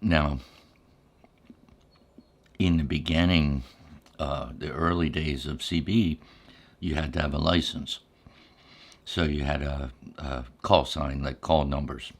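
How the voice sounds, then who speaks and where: Deep-voiced and steady, this American man, middle-aged or older, wanders through memories in a relaxed ASMR storytelling manner. He rambles easily and takes frequent pauses.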